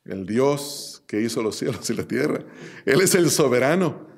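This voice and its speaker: A man preacher voicing a proud, boastful king in a lowered voice as he retells a scripture story. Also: expressive, normal speed, vocal fry. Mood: humbled, reverent. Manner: arrogant, self-praising.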